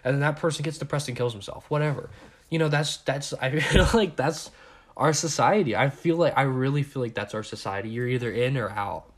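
A man's voice: medium pitch, fairly quick. A man in his twenties with covid, a little out of breath, ranting in a rambling, profane solo podcast and repeating his words. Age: 20s. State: sick with covid, short of breath. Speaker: podcast host.

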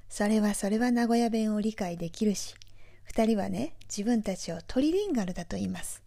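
A woman from Aichi with a Nagoya accent, hosting a podcast in a chatty, relaxed monologue with friendly asides. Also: medium pitch. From Aichi, Japan. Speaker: podcast host.

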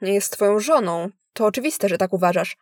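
A woman voicing a wealthy, sharp-tongued wife who answers with sarcastic doubt. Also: medium pitch, animated, fairly quick, no room sound, clean studio sound, lightly acted. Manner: sarcastic, sceptical.

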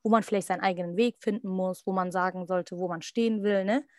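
A woman's voice: mid-range voice, quick pace, no echo, studio quality. Young woman telling a story casually. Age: young adult. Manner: lively, quotes others in little acted asides. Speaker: podcast guest.

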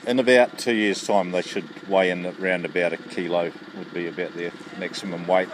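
A man's voice: sits low, steady tone, brisk, poor audio. A man with a New Zealand accent explaining his work informally in an outdoor interview. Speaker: fish hatchery worker. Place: outdoors by a lake. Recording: clear outdoor background noise.

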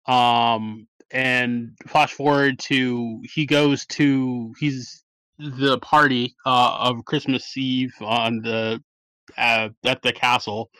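A podcast host rambling casually through a movie review, full of fillers and restarts. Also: male voice, medium pitch, level tone, takes it slowly, bright, forceful tone, clean tone, no echo, poor audio.

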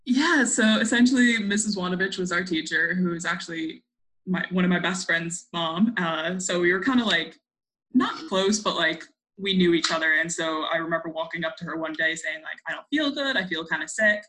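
A woman's voice: on the low side, normal speed, a bit bright, rough recording. A young woman telling a childhood story as a podcast guest, giggly and self-deprecating. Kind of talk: casual storytelling chat.

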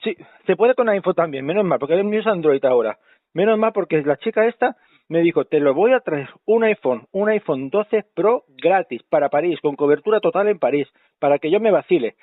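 A man's voice: on the high side, animated, a little fast, no room sound. A man playing a rambling, self-important, self-pitying fake doctor on a prank phone call, heard over a tinny phone line.

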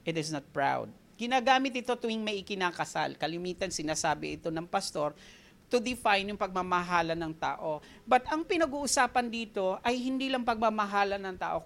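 With a lowish voice and a Filipino accent, she preaches, switching between Tagalog and English. Her stories are animated, and she laughs at herself often.

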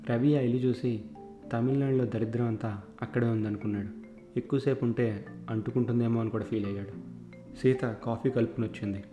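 A man narrating a story in a steady, plain way. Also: medium pitch, brisk, muffled recording. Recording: echoey room with faint music.

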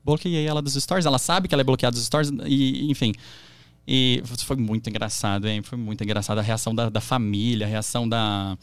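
A man's voice: mid-range voice, steady tone, brisk, clear, resonant tone, no echo. A young adult man with a Brazilian Portuguese accent, chatting as a podcast guest and telling stories with lots of fillers and restarts. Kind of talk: casual interview chat.

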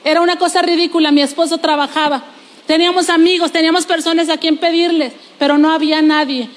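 Woman pastor, very high voice, lively sermon, long church-hall reverb. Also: quick pace. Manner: lively preaching with testimony and playful asides.

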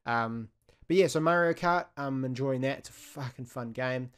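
A man's voice: medium pitch, normal speed, clean tone. A man co-hosting a casual gaming podcast, talking in a chatty way with frequent ums and restarts. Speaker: podcast co-host.

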